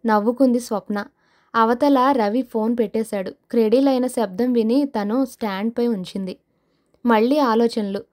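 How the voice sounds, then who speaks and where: A woman reads a suspense novel aloud in a steady, measured way. Her voice is fairly high and keeps the telling even as the story unfolds. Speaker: audio novel narrator. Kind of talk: scripted narration of a suspense novel.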